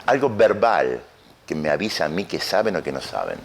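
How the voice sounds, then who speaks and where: A man giving a lecture on communication, animated and acting out quarrels in his examples. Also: sits low, normal speed, creaky, a little hiss or hum.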